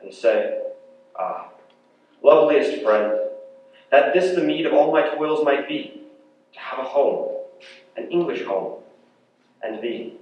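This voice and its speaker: A teenage boy with a medium-pitched, animated voice recites poetry dramatically at a competition, using emphatic, theatrical phrasing at a slow pace with long pauses. The large indoor hall is very echoey, the distant mic sounds dull, and faint noise and soft background music can be heard.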